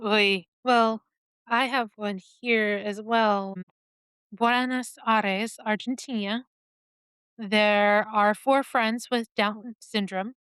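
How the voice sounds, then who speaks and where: A woman co-hosting a casual podcast, reading out news stories in a halting way with pauses and fillers. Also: mid-range voice, fairly even intonation, a bit bright, smooth, no room sound. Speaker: podcast co-host.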